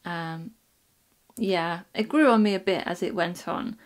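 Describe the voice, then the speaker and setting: A woman's voice: fairly low pitch, a little slow. A woman talking casually about books she has read, with frequent ums and restarts. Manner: chatty, many ums and restarts. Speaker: book reviewer. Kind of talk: casual book review vlog.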